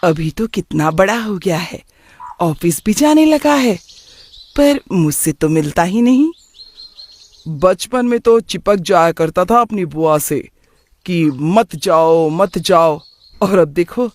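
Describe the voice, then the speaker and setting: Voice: mid-range voice, animated, takes it slowly, darkish tone. A doting middle-aged aunt, voiced by a narrator in a cartoon moral story. She chats fondly and keeps drifting into memories. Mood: wistful. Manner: affectionate, nostalgic chatter.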